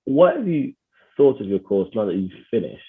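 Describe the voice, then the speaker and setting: A man interviewing a guest, asking brisk questions from a script. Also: on the low side, sing-song, breathy edge. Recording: tinny phone-like line with crowd noise.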